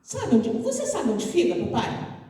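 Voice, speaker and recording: A woman voicing an eager little girl of about nine who coaxes and insists, in a high childlike voice. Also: wildly swooping pitch, unhurried, warm tone, exaggerated voice. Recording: echoey hall, mic far off.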